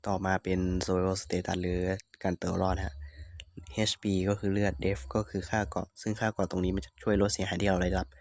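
A man's voice: sits low, fairly quick. A man from Northeastern Thailand hosting a gaming channel, talking through game stats in a casual, thinking-aloud tutorial voice-over. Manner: relaxed, explanatory, thinking aloud with hums.

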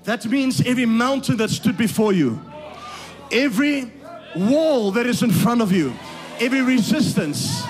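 Over soft background music, a pastor's very high-pitched, expressive voice carries a live sermon at normal speed. Going from hushed asides to loud shouts, he repeats phrases and checks the congregation is following, all while his voice is going hoarse.

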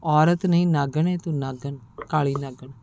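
A woman's voice: sits low, fairly even intonation, moderate pace, gravelly, mellow, slight background noise. Woman reading as a sneering boastful lover. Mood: heated. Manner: dismissive, sneering. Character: scornful boastful young man, a lover.

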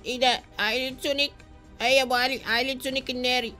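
Brief: excitable Egyptian gaming host, high voice, racing delivery. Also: male voice, racing, soft background music. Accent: Egyptian Arabic. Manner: excitable, exclamatory. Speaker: YouTube gamer host. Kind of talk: narrating a game movie.

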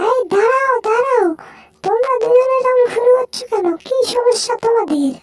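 A woman voicing a squeaky, frantic little male mouse in an amateur cartoon dub, yelping and panicky. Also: normal speed. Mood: panicked.

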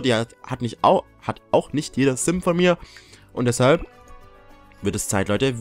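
A young man giving casual, jokey commentary while playing a life-simulation game, yelping and swearing when something startles him. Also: medium pitch. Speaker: gaming YouTuber. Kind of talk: casual let's-play commentary.

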